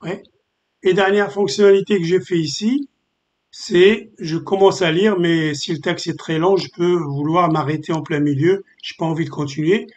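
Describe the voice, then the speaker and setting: A man presenting a screen-recorded software tutorial, explaining step by step with frequent filler pauses. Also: sits high, steady tone, dull audio. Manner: hesitant, many filler pauses.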